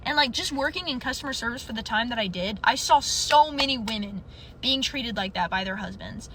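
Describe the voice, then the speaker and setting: Bright-voiced young woman telling a story. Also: a little high, brisk, slight background noise. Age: young adult. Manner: animated retelling, acts out quotes. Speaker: storyteller in a clip. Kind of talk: casual storytelling.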